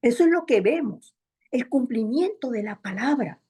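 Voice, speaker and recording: A woman's voice: a little high, lively intonation, moderate pace, warm tone, breathy edge. A woman preacher delivering a Sunday sermon in a church, with an emphatic, repetitive cadence, often addressing the congregation as brethren. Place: church in Montreal.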